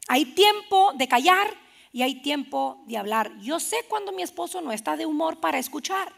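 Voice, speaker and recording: A woman pastor preaching a sermon in church, animated and playful, acting out little scenes for the congregation. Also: sits high, normal speed, creaky.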